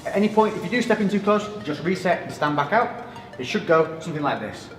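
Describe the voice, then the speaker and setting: Male boxing coach, slightly high voice, informal step-by-step workout instruction, reverberant space. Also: expressive, fast talker. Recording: echoey reverberant room with music.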